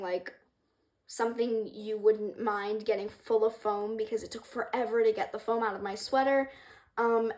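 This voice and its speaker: A young woman casually explaining a craft project, rambling and hesitant with many ums, apologizing for her stuttering, in a room with a wooden floor. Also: fairly high pitch. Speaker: craft creator. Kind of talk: casual tutorial vlog.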